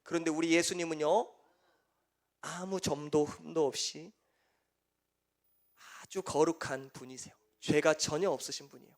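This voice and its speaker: A young man preaching a sermon to a congregation. He keeps asking the listeners questions and then answers them himself, dropping soft and low on the key answers. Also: steady tone, moderate pace, long pauses. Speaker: evangelist preaching.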